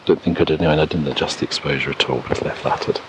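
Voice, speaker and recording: A man's voice: rumbling low, fairly even intonation, rapid-fire. A man hosting a casual solo podcast outdoors, musing unhurriedly and thinking aloud, recorded on cassette tape. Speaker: podcast host. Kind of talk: casual solo podcast commentary while out walking. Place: outdoors by an oak tree in countryside. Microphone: portable cassette recorder. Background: noise, clicks.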